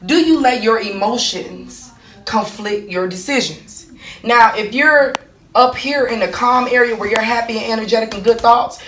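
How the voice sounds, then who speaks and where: A woman's voice: fairly high pitch, normal speed, a bit bright, far from the mic. A woman explaining her monthly cycle in a casual way, asking herself rhetorical questions, answering them, and checking in with "okay?" and "right?". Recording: echoey room.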